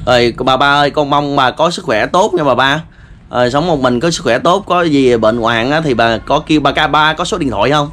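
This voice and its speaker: Gentle Southern Vietnamese man interviewing. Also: mid-range voice, moderate pace, slight background noise. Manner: gentle, polite, many fillers. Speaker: vlogger interviewer. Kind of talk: casual interview.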